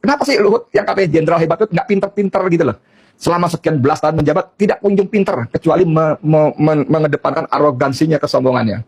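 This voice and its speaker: A man's voice: fairly high pitch, fast talker, husky. A middle-aged man delivering a heated political monologue, combative and mocking, repeating his points and scolding his target directly. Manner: addresses target directly and scornfully. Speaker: political commentator.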